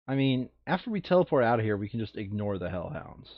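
In this recorded board game session, a man with a fairly low voice talks informally as he plays, mumbling the rules and cracking jokes. There's no echo, and the high frequencies are missing.

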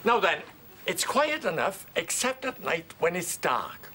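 A man's voice: high-pitched, very animated, measured pace, bright, forceful tone, exaggerated voice. An actor playing an eccentric older Welsh father-in-law in a sitcom, rambling and teasing. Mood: chatty. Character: eccentric old Welsh grandad, nosy and dotty. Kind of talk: sitcom acting.

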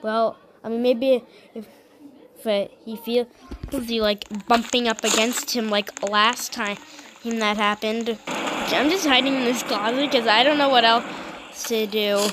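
A woman giving gameplay commentary in a hushed, half-whispered voice. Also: on the high side, steady tone, a little slow, crowd noise, low-quality recording. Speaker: gamer.

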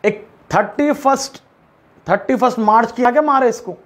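Man, Hyderabadi accent, spokesman at a press interview. Very high pitch, indignant and rhetorical. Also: normal speed, fairly bright tone. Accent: Hyderabadi Urdu. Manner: indignant, rhetorical questions, addresses officials directly. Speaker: local spokesman speaking for the driver. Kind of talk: complaint to the press.

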